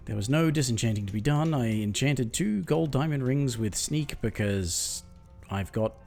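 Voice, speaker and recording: A man's voice: mid-range voice, expressive, normal speed, vocal fry, darkish tone, faint music behind. A man streaming a video game, swearing and ranting in frustration at bugs. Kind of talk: casual gameplay commentary.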